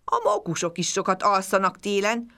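A woman's voice: mid-range voice, very animated, sharp tone, pitched above the performer's own voice. A woman voicing an old, wise, grumpy crow in a children's story, with a cawing, lecturing voice.

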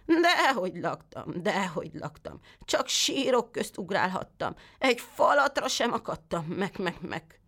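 A woman voicing a sly, lying female goat who whines in drawn-out sing-song rhymes and bleats. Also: medium pitch, big pitch swings, a bit bright, voice pushed up. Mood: complaining.

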